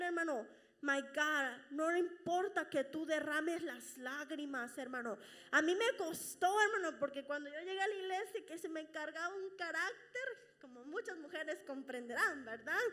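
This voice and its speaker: A woman preaching a sermon, emotional and near tears, rising to loud impassioned preaching. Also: very high voice. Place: church hall. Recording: reverberant church hall.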